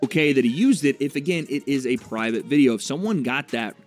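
A man's voice: mid-range voice, animated, fairly quick, faint music behind. A man reading out a news story and giving his own take on it in a casual commentary. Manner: reads report text then adds own opinion.

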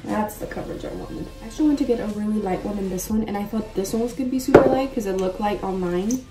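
This mid-twenties makeup vlogger talks quickly at a medium pitch, tossing out slang and frequent exclamations as she works through a tutorial at home. She's in a bedroom-like room, and the audio carries roomy echo, a distant mic, and faint music.

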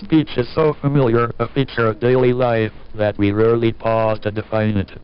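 A man giving scripted narration in a measured, formal documentary delivery. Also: mid-range voice, level tone, smooth, faint music behind. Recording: dull archival recording.

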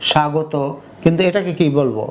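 A young man teaching an online grammar lesson, explaining step by step and saying example words again slowly. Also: high voice, darkish tone. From Bangladesh.

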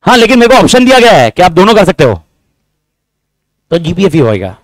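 A man teaching a class, talking fast and repeating himself, joking with his students. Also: sits high, very animated, no room sound. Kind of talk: lively classroom lecture.

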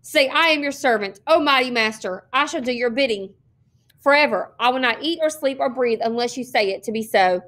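A woman's voice: on the high side, a little fast, fairly bright tone, lightly acted. Woman doing a sneering teenage bully boy. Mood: taunting. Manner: mocking, taunting, commanding.

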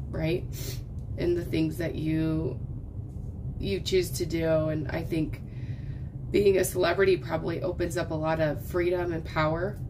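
A woman in her thirties with a voice on the low side does a casual crafting vlog chat while diamond painting at an indoor craft table. She rambles between thoughts and coughs, still recovering from a lost voice, over a noisy background.

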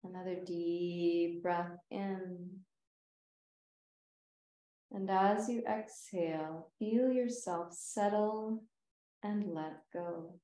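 A yoga nidra teacher guides a meditation, her lowish voice soothing, gentle and unhurried, with long pauses. The audio is poor and sounds roomy.

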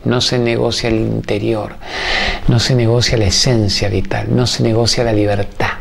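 A man's voice: lowish voice, little pitch movement, normal speed, gravelly, a little hiss or hum. A man with an Argentine accent hosting a show, giving an emphatic, preachy spiritual talk to viewers in strings of repeated phrases. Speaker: host.

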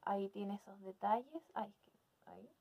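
A woman's voice: medium pitch, steady tone, moderate pace, highs cut off. A young adult woman hosting a casual unboxing video, speaking with hesitant phrasing in a small indoor room. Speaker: video host.

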